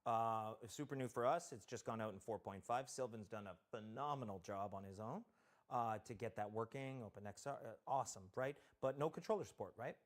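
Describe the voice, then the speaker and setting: A man's voice: medium pitch, a little fast. A man from Canada, a game developer guest on a talk show, explaining technical systems in detail and thinking aloud as he goes.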